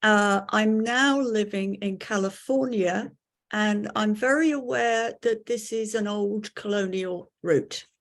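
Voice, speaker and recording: A woman's voice: medium pitch, takes it slowly. A woman from London, introducing herself thoughtfully on a video call. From London, England. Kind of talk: casual self-introduction.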